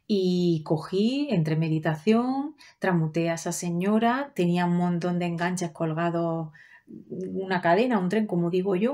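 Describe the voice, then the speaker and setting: Woman telling a lively personal story. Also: fairly low pitch. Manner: animated storytelling, acting out her child's and teacher's voices. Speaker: mother telling her experience. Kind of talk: personal anecdote, conversational.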